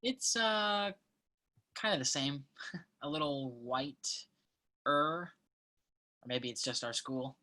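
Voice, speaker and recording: In a naturalistic play reading, a woman with a low, clearly bright voice plays an earnest college student, heavily acted. Her delivery is thoughtful and measured, with small hesitations as the character reasons aloud, and the mood is casual and bashful.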